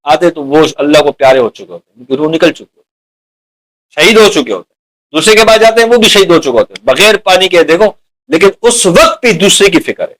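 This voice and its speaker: A man's voice: on the high side, big pitch swings, fairly bright tone, rough recording. A man preaching a sermon to an audience, asking them rhetorical questions and calling them dear companions. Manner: addresses listeners as dear companions.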